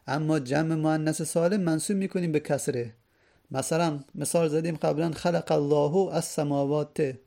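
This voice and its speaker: Man teaching grammar, gravelly mellow voice. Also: fairly high pitch. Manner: methodical, repeats each rule and example; reads Arabic text aloud then explains it in Persian. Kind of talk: classroom lesson explaining grammar.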